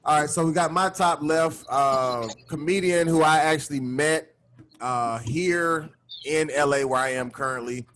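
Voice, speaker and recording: A man's voice: on the high side, measured pace, fairly bright tone. A man hosting a casual comedy podcast over a video call, talking in a laid-back, slangy way with lots of fillers. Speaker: podcast host. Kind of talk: casual chat.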